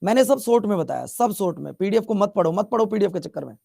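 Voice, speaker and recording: A man's voice: high-pitched, animated, fast, vocal fry, a little mellow, no echo, clean studio sound. A male teacher from Bihar giving a chatty classroom lecture, repeating his questions and teasing students as he scolds them. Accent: Bihar Hindi.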